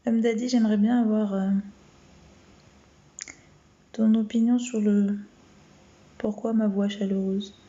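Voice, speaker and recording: A woman with a gentle, warm voice chats on a late-night live stream from home, speaking in an even tone that barely rises or falls. She talks hesitantly, with many fillers and restarts. The phone recording sounds a little dull and muffled. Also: medium pitch, unhurried, long pauses. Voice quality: soft, warm voice. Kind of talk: casual live-stream chat and Bible reading.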